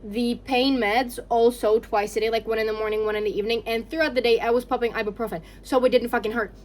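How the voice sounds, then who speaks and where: Young female vlogger, fairly high voice, unfiltered rambling chat with plenty of swearing. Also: fairly even intonation, fast, a little hiss or hum. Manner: candid, sweary, rambling with frequent "like". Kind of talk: casual chatty storytime while getting ready.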